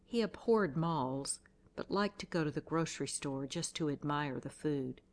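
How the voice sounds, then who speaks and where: Woman, deep voice, devotional reading, calm and unhurried. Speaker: devotional reader.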